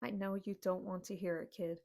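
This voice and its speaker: A woman's voice: medium pitch, fairly even intonation, fairly quick, vocal fry, a little mellow, close to an everyday voice. A woman voicing a fatherly older male alien saloon owner who fusses and scolds, calling the others kid. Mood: scolding.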